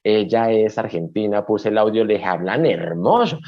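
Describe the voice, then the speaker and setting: A man's voice: on the low side, expressive, normal speed, dull audio. A Colombian man being interviewed, speaking bluntly and emphatically with frequent restarts, in a casual chat. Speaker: guest.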